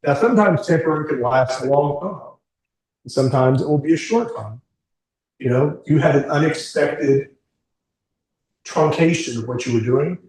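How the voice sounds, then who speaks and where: A man's voice: mid-range voice, darkish tone. Man, 60s, workshop presenter, conversational, distant echoey room sound. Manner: candid, conversational, asks the group questions. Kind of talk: informal group talk. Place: meeting room with a group. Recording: echoey room, mic far off.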